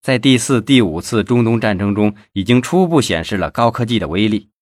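A man's voice: on the low side, animated, brisk, dry recording, clean studio sound. A man voicing an upright male fire brigade commander in an audiobook, speaking earnestly. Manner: earnest and admiring.

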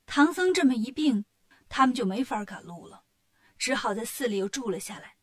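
A woman's voice: on the high side, lively intonation, normal speed. Woman telling a children's story.

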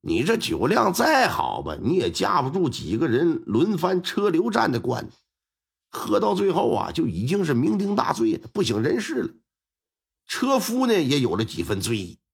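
Lively, gravelly male storyteller. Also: fairly high pitch. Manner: lively, colloquial, with drawn-out sentence-final particles. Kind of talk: Chinese storytelling performance.

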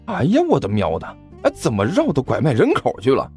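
A man's voice: wildly swooping pitch, brisk, a little mellow, faint music behind. A man voicing a cheeky, chubby young man who sounds exasperated and whiny. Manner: whiny, exasperated, high-pitched.

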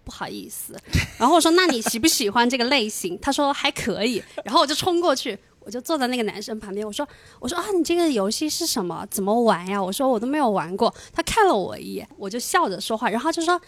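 A woman's voice: fairly high pitch, animated, fast, no room sound. A woman co-hosting a casual podcast, telling a story and acting out the dialogue with animation. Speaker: podcast co-host.

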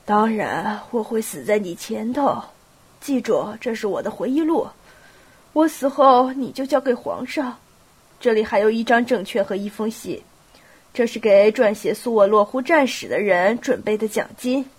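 Gruff old nobleman, curt and commanding, read by a woman with a cold and a husky higher voice. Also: expressive, normal speed. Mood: solemn. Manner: curt, clipped commands, bursts into shouting. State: has a cold. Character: stern, abrupt elderly male prince.

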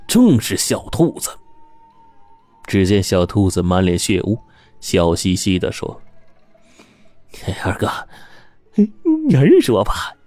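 Low mellow guy telling a spooky story, dry close sound, faint music under it. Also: no room sound. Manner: steady, suspenseful telling. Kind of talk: scripted story narration.

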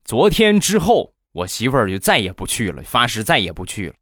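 A man telling comic anecdotes about married life in a lively, animated way. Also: medium pitch, fairly quick, breathy edge, no echo, clean studio sound. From China. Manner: animated, switching into playful voices. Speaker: comedy storyteller.

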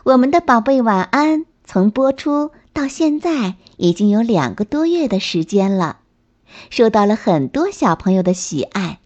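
Casting: a woman telling bedtime stories to small children, slow and lilting, on a slightly dull recording. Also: a little high, big pitch swings. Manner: gentle, sing-song storytelling to small children. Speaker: bedtime story host. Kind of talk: children's bedtime story reading.

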